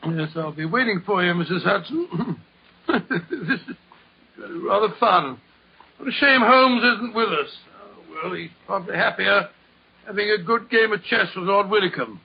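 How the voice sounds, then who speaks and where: An actor playing a genial, bumbling English doctor in a 1940s radio drama, with a husky voice and a fussy, blustering manner. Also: male voice, high-pitched, normal speed, exaggerated voice. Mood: cheerful. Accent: British. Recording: dull 1940s radio recording.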